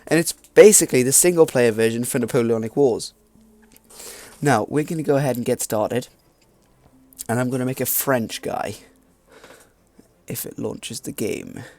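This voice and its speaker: A man's voice: mid-range voice, normal speed, pauses often, a little mellow, no room sound. Offhand man narrating his gameplay. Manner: chatty and offhand, swears casually. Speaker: gaming channel host. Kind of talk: casual let's play commentary.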